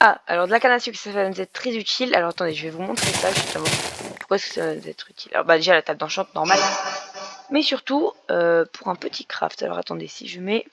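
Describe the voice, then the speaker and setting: A woman's voice: fairly low pitch, expressive, fast talker, vocal fry, over music. A young woman commenting on her Minecraft game in a chatty way, explaining as she plays, with many fillers and restarts. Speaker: gaming YouTuber. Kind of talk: Minecraft let's play commentary.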